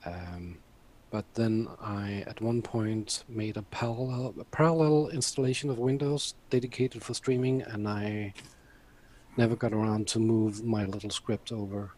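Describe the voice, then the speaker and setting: A man on a casual panel chat, talking in a hesitant, thoughtful, halting way. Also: fairly low pitch, fairly even intonation, a little mellow. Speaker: show panelist.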